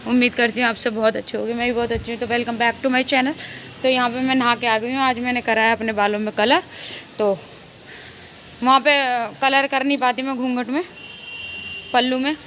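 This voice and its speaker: A woman's voice: a little high, fairly even intonation, normal speed, a bit bright, a little hiss or hum. A woman vlogging to her viewers outdoors, gloating and laughing often as she talks. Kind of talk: casual vlog monologue. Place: outdoors, open weather around.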